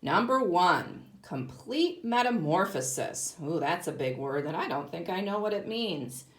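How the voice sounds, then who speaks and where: In a read-aloud lesson, a woman who teaches kindergarten explains ideas to young children in a simple, deliberate way, stressing words and asking the listener questions. She speaks in a lowish, expressive voice.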